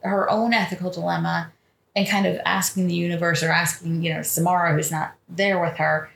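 A woman's voice: fairly low pitch, little pitch movement, a little fast, creaky, fairly bright tone. A woman co-hosting a podcast, chatting casually as she recaps a film and acts out the characters' lines. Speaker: podcast co-host. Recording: roomy echo.

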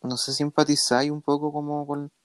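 A young man with a Chilean accent, co-hosting a casual podcast, animated and slangy as he tells stories. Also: fairly high pitch, brisk, dry recording. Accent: Chilean Spanish. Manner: animated, acts out quotes, slangy. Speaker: podcast co-host. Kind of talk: casual storytelling chat.

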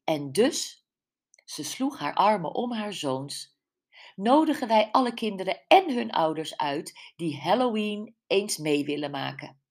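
A woman voicing a hopeful newly arrived mother who calls out slowly and emphatically to a crowd. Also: mid-range voice, heavily acted.

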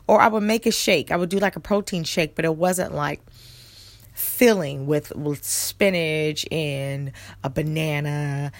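Gravelly-voiced chatty mom. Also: female voice, deep voice, steady tone, unhurried, no echo. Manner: chatty, laughs often, acts out her own lines. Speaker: vlogger. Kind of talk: casual storytelling.

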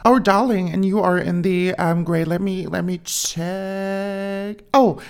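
A woman's voice: medium pitch, fairly even intonation, slow, darkish tone. A woman voicing a friendly American school secretary who chats sweetly and calls everyone darling.

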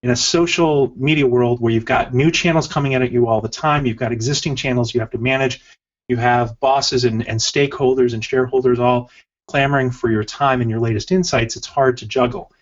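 A man's voice: medium pitch, steady tone, fairly quick. A man hosting a podcast, asking a long, rambling question with many fillers and hesitations. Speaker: podcast host. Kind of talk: interview question. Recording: slightly dull podcast audio.

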